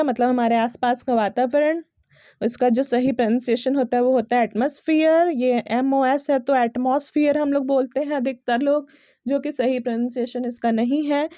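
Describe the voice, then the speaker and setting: A woman gives a casual pronunciation lesson, her voice high and mellow. She spells words out letter by letter, drawing them out slowly and often checking that her listeners are following. The sound is close and dry, with no room echo. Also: lo-fi sound. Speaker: English pronunciation teacher.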